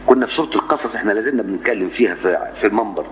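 A man with an Egyptian accent, a sheikh giving a mosque lesson on the Quran, animated, firing rhetorical questions and slowing down to recite verses. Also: on the low side, big-room sound. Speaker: sheikh teaching Quran sciences. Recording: dull lo-fi 1980s tape with faint hum.

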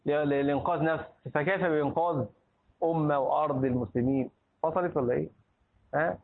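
A man's voice: on the high side, fairly even intonation, quick pace, vocal fry. A man teaching a class on Islamic jurisprudence in colloquial Egyptian Arabic, quizzing his listeners and repeating and restarting words as he goes. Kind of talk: colloquial Egyptian lecture with questions to students. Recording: tinny phone-like lecture recording.

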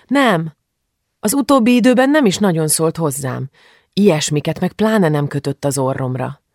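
Brief: male reader doing a wary teenage girl, soft and hesitant, raised pitch, dry close sound. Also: lively intonation, no room sound. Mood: timid.

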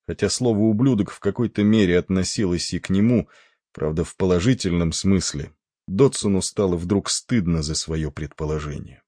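An audiobook narrator with a deep, husky, slightly mellow male voice reads scripted narration at a moderate pace. The studio recording is clean, with no room sound.

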